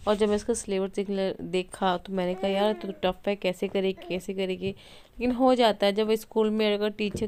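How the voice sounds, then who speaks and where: Young mom rambling on in a home vlog, smooth clear voice, lots of fillers and restarts. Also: female voice, medium pitch, a little mellow. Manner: chatty, rambling, frequent fillers and self-corrections. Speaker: vlogger and mother. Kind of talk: casual home vlog chat. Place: home, indoors at night.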